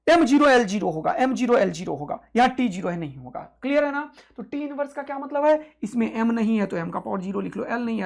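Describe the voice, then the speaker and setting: A male physics teacher giving an exam-prep lecture, energetic and rousing, repeating key points to his students. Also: sits high, gravelly, slightly rough.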